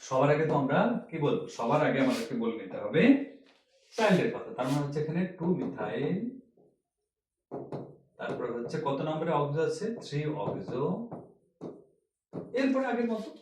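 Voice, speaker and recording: A man's voice: mid-range voice, big pitch swings, normal speed, pauses often, a little mellow, roomy sound. A man teaching chemistry who explains each step, repeats key points and asks the class rhetorical questions. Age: older. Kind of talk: classroom lecture.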